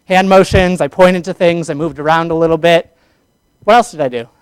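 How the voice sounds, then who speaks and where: A man's voice: a little high, steady tone, fairly quick, clear, resonant tone, dry recording. A man teaching a public speaking class, energetically lecturing and asking his students questions.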